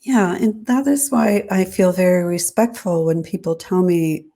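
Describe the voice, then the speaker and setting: A woman designer as an interview guest, explaining her ideas in a measured, thoughtful way. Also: lowish voice, vocal fry, dark tone. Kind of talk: interview answers.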